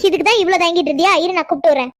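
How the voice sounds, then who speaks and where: A woman voicing a busy, kindly middle-aged village aunt in a cartoon, brisk and teasing. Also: very high-pitched, no echo, clean studio sound. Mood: motherly. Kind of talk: cartoon voice acting.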